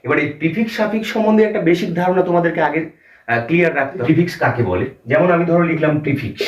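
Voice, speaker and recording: A man with a Bengali accent teaching English grammar at a board, explaining step by step with fillers. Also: fairly high pitch. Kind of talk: whiteboard grammar lesson. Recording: roomy, distant, dull lo-fi sound.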